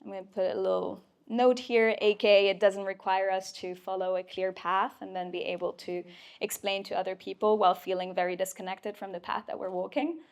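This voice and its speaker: A woman's voice: mid-range voice, steady tone, a little fast. A woman speaks to a room at a mentoring event, giving an inspirational talk. Her voice sits in a middle register. She is playful and emphatic, with the odd casual swear word. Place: event room before a live audience.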